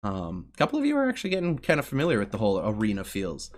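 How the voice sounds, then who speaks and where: A man's voice: lowish voice, wildly swooping pitch, rapid-fire. A young man running a tabletop game on a live stream, casual with many fillers. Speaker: game master.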